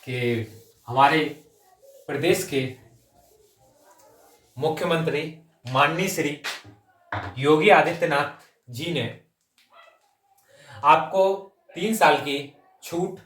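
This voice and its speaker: A man with a fairly high, slightly bright voice speaks slowly, leaving long pauses, as he coaches an exam maths class through sums step by step. English terms and number words appear in his talk, along with frequent short check-in phrases. The microphone is distant and the room echoes.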